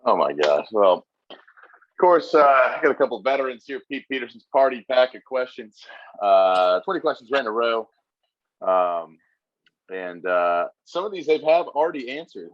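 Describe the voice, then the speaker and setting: A man's voice: medium pitch, animated, moderate pace, dry recording, muffled recording. A man co-hosting a casual interview, rambling and enthusiastic with lots of fillers. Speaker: podcast co-host.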